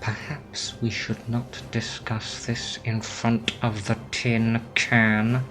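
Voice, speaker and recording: An actor playing a domineering, haughty villain mastermind in a sci-fi fan audio drama, with theatrical delivery. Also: male voice, medium pitch, monotone, takes it slowly, close to an everyday voice. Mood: irritated. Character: domineering, impatient, grandiose male arch-villain mastermind. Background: faint music.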